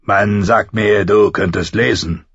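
A man voicing a gruff, blunt old male commander. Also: on the low side, fairly even intonation, slow pace, fairly bright tone, no room sound, highs cut off, heavily acted.

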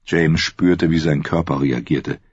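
A man narrating an audiobook in an expressive reading. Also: extremely low pitch, unhurried, breathy edge, no echo. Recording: dull lo-fi, dry.

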